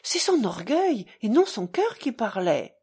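A woman's voice: a little high, measured pace, a little mellow, husky. A woman reading an audiobook, voicing a bitter, venomous young woman who speaks with contempt.

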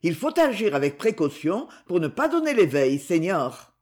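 A woman's voice: fairly low pitch, big pitch swings, normal speed, a little mellow. A woman voicing a respectful middle-aged male servant in an audiobook. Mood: deferential. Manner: respectful, cautious.

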